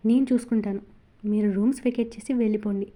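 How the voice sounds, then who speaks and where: A man's voice: sits high, fairly even intonation, fast, mellow, close to an everyday voice. A woman voicing a cautious police superintendent who speaks formally and placatingly.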